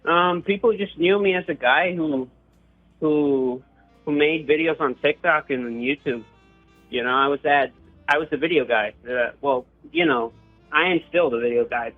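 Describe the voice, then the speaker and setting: This young adult interviewee from Puerto Rico recounts a personal story casually, often restarting and using fillers. His fairly high voice moves at normal speed. The recording comes through a tinny phone-like line with faint guitar music.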